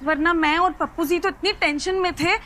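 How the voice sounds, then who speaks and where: Bubbly bold young Lovely. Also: female voice, very high voice, steady tone, normal speed, pushed and bright, a little hiss or hum. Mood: teasing. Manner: bubbly, teasing, outspoken. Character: chatty teen girl Lovely, lively and bold.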